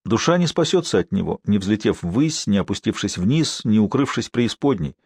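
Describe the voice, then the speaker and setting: A man voicing a wise old mentor who speaks slow, solemn sayings in an audiobook. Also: on the low side, animated, a little mellow, slightly rough, no echo, clean studio sound.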